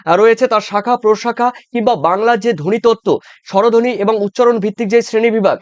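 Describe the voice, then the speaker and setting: Male teacher, high and smooth, coaxing exam-prep delivery on a dull lo-fi mic. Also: fairly even intonation, fast talker, no room sound. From West Bengal. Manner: repetitive, coaxing with frequent check-ins and fillers. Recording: dull, dry lo-fi sound.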